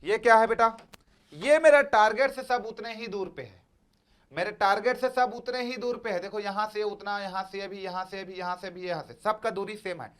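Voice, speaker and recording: A man's voice: high voice, steady tone, normal speed, a bit bright. A man teaching an exam-prep lecture, repeating points and coaxing his students with frequent checks that they follow. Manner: repetitive, coaxing, calls students "beta".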